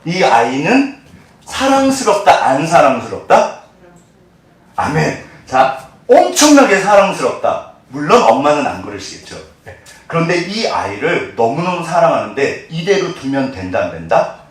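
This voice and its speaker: A man preaching a sermon as a pastor, animated, moving between loud exclamations and soft, hushed quotes. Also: fairly high pitch, moderate pace. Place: church sanctuary. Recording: echoey church hall, mic at a distance.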